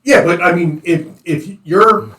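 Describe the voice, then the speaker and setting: Echoey, higher-voiced man telling stories casually. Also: measured pace, fairly bright tone, a little hiss or hum. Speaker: podcast panelist on policing. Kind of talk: casual conversational storytelling. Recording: roomy, echoey room.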